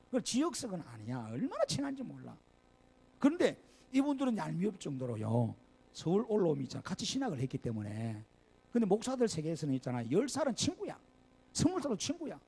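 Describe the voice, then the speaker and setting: Older male pastor, Gyeongsang accent, sermon, gravelly, husky, rising and falling pitch, chatty asides, rhetorical questions. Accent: Gyeongsang Korean. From Gyeongsang region, Korea. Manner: lively, conversational preaching with asides and rhetorical questions. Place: church sanctuary.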